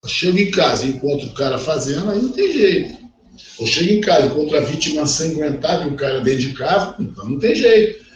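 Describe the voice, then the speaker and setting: A middle-aged law professor with a Brazilian Portuguese accent teaches a recorded online class in a conversational way, blunt and animated, acting out the voices of people he quotes. His voice is a little high and quick, far from the mic on the class call, and the audio is dull and echoey with faint noise.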